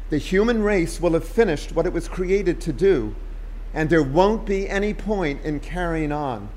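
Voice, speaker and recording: A man's voice: on the high side, animated, measured pace, a little mellow, slight background noise. A man reading the lines of an anxious, urgent young American man in an audiobook.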